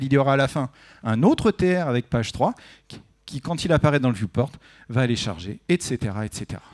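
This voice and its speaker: A man gives a talk at a developer conference, chatting with the room and asking it questions. His voice sits a little high and swings widely in pitch. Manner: lively, conversational, asks the audience questions. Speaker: conference speaker.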